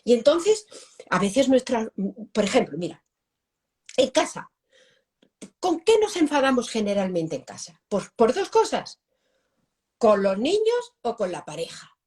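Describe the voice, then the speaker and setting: Lively Spanish woman in her fifties, animated. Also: a little high, measured pace, pauses often. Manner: animated, repeats phrases, acts out examples. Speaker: guest pedagogue. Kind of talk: live-stream interview answer.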